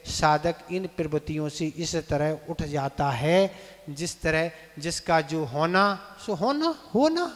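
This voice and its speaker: A monk leads a scripture lesson in a temple, speaking slowly and deliberately in a high voice. He pauses to quiz his listeners and has them repeat each verse after him, syllable by syllable. The sound carries a long reverb from the temple hall, recorded for a live broadcast. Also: lively intonation. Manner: asks the audience questions. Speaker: Jain monk teaching scripture.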